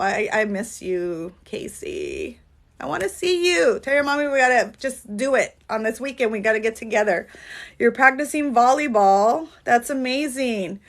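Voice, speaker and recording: A California-born dance choreographer and coach chats casually on a phone livestream, her voice a little high and a bit bright. She rambles earnestly and leans heavily on fillers like "um" and "like".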